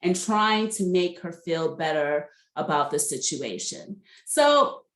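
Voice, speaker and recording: A woman's voice: fairly low pitch, lively intonation, takes it slowly, fairly bright tone. A woman casually recapping a reality TV episode in a gossipy, chatty way, laughing often and asking her viewers what they think. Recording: roomy echo.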